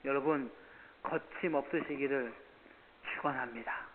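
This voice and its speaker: A male pastor preaching a sermon, swinging from loud preaching to hushed near-whispers and acting out both sides of his stories. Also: mid-range voice, a little slow. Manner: storytelling, acts out both sides of dialogue. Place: church sanctuary. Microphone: far security camera. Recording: phone-like CCTV audio, long reverb, faint hiss.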